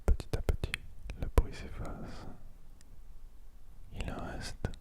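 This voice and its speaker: An ASMR host whispering right up against the microphone in a hushed, soothing, repetitive manner, as if guiding someone to sleep. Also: takes it slowly. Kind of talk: whispered French ASMR, slow guided sleep relaxation. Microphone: very close to the microphone.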